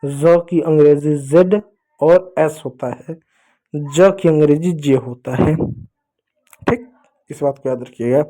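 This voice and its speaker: Mellow-voiced man teaching reading. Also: on the high side, slow pace, pauses often, poor audio. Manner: patient, repeating questions and answers in a call-and-response way; spells out words letter by letter. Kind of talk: Hindi phonics lesson for children.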